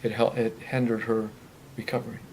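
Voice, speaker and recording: A man's voice: medium pitch, flat delivery, brisk, darkish tone, slight background noise. A man earnestly answering audience questions at a faith-based recovery meeting, talking in a rambling way with many restarts. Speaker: recovery ministry speaker. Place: meeting room.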